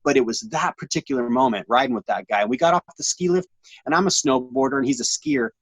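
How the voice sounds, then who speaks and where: A man in his forties telling his story as an interview guest, animated and slangy, rambling with lots of restarts. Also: mid-range voice, fast talker, dry recording. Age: 40s.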